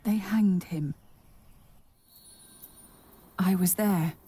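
An actress playing a mother who tells her son a sad story in a slow, hushed manner, often sinking to a whisper. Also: medium pitch, husky. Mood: mournful.

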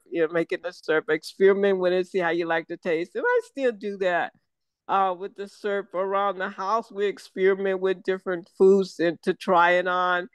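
An older woman from the American South, a guest chatting over a video call, talking slowly and wandering with many fillers and restarts. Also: on the low side, clean tone, no echo. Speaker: guest, syrup maker.

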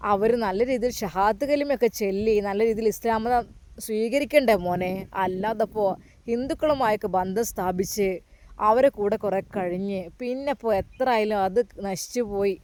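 A man's voice: high voice, a little mellow, lightly acted. A woman voicing a kindly elderly male mosque caretaker who coaxes a grieving young man with tender questions. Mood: firm lecturing. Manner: coaxing, repeats tender address, many questions.

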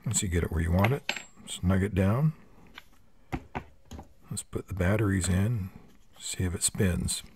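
A man's voice: low-pitched, unhurried, long pauses, background noise. An older man giving a hands-on tool review in a plain-spoken, practical way with dry asides. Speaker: product reviewer. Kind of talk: hands-on product review narration. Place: workshop table.

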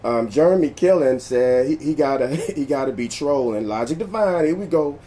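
A man's voice: mid-range voice, expressive, normal speed, dark tone. A man hosting a casual commentary vlog, joking loosely and reading posts aloud. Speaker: vlog host recapping battle rap drama.

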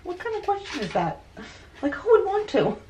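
Woman, teasing casual banter, lively up-and-down pitch, off-mic in a house, clear background noise. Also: normal speed. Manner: teasing, laughing, blunt. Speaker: relative helping on the project. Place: living room and staircase in a home, indoors.

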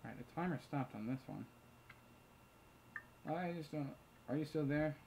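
A let's play host with a fairly high male voice talks at a moderate pace, casually commentating a chat game: he reads messages aloud, mutters side remarks, and swears freely. Background noise is present, including loud keyboard clicks and typing.

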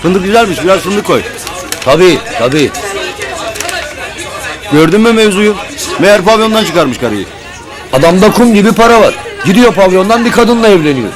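A man's voice: high voice, expressive, moderate pace, long pauses, a crowd in the background. An actor playing a man gossiping over snacks. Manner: chatty, gossiping.

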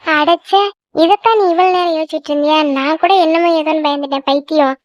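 Very high-voiced woman in a cartoon. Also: steady tone, quick pace, dry recording, dull audio. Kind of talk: cartoon voice acting, young woman.

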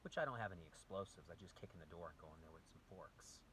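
Ranting to camera in an angry monologue, a man accuses and swears often, his voice swinging between shouting and low muttering. He's expressive, fast-talking, and profane.

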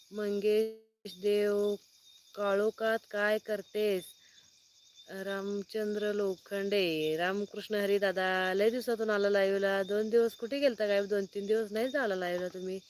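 Outdoors at night under a light, a woman farmer from Sangli district, Maharashtra, reads viewers' names on her phone live stream and welcomes each of them. She speaks unhurriedly in a medium-pitched, darkish voice with fairly even intonation. Slight background noise is present.

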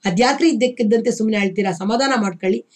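A woman's voice: fairly high pitch, fast, lightly acted. A woman reading the part of a practical, outspoken woman who speaks in a direct, urging way.

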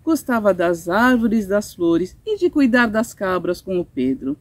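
Her voice medium in pitch and animated, a middle-aged woman with a Brazilian Portuguese accent takes her time reading a children's story in a dry recording. She sits out on a sunny garden patio, telling the tale expressively and explaining it simply.

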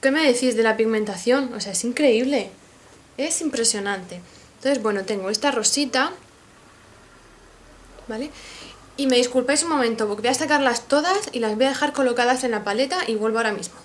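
A woman's voice: a little high, brisk, slight background noise. A woman with a Spain Spanish accent, a beauty vlogger showing off makeup in a casual haul video, gushing and talking straight to her viewers. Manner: gushing, excitable, addresses viewers directly.

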